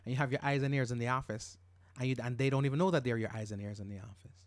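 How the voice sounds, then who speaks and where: A man's voice: mid-range voice, racing, dry recording. A middle-aged man from Jamaica hosting a podcast, talking in an emphatic, casual monologue and repeating words when worked up. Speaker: podcast host.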